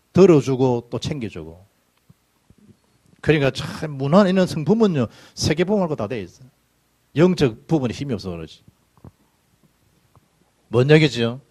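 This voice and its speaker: Middle-aged male pastor, husky voice, lively sermon storytelling. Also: on the high side, moderate pace, pauses often. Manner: animated storytelling, dialect speech, sudden loud bursts. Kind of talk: sermon with personal anecdotes. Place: church sanctuary.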